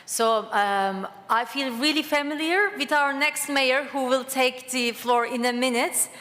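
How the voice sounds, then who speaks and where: A woman's voice: high voice, unhurried, a bit bright, long reverb tail. A woman moderating a summit, introducing the next speaker in a friendly, personal way with phrasing. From Turkey.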